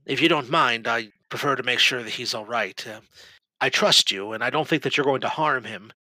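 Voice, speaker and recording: A man doing a stammering gentle temple brother. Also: mid-range voice, fairly quick, no room sound, poor audio. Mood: earnest. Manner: hesitant, earnest, stammering.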